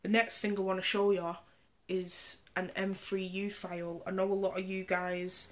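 Stuffed up and nasal from a cold, a woman casually reviews a tech gadget, chatting about its specs as she demonstrates it on screen in an indoor room with the camera on the screen. Her voice is medium-pitched with little pitch movement, at a moderate pace.

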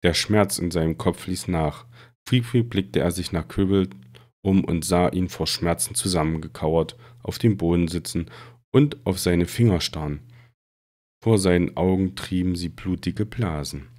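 A man reading a fantasy novel aloud in a steady, dramatic storytelling manner. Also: low-pitched, moderate pace. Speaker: reader.

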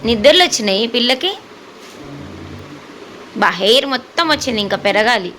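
A woman's voice: on the high side, lively intonation, moderate pace, sharp tone, slight background noise, poor audio. A woman, playfully teasing and baby-talking to her dogs in a sing-song, coaxing way. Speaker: dog owner vlogger.

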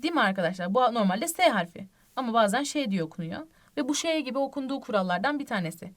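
Patient woman teaching, repeating words slowly. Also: a little high. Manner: asks the class frequent tag questions. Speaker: Korean language teacher. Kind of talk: online lesson explaining reading rules.

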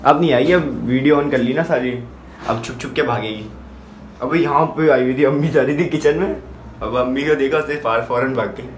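A young man from Pakistan with a Karachi Urdu accent, vlogging at home in a chatty, excitable, teasing way. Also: medium pitch, moderate pace, a little hiss or hum. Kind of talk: casual home vlog. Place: family home indoors.

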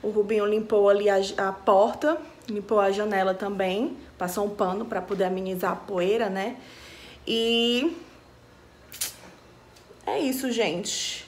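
A woman's voice: mid-range voice, fairly even intonation, measured pace, slight background noise. A young woman chatting straight to her viewers in a casual home vlog, filmed on a handheld camera at arm's length in her kitchen and living room. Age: young adult. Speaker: vlogger.

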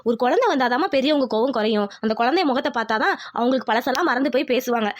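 A woman voicing a bossy, scheming village mother-in-law in a cartoon, talking quickly and insistently. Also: high voice, animated, slight background noise. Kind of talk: cartoon voice acting.

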